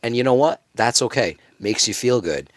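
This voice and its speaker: A comedian from Rhode Island with a big broadcast voice guests on a casual podcast, speaking earnestly, emphatically and with self-assurance. His mid-range voice is animated at a moderate pace, captured in studio quality with no echo.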